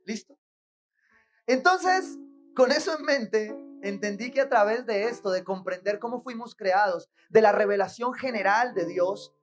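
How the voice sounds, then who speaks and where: A woman preaching a sermon in church, asking rhetorical questions and checking in with the congregation. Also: high-pitched.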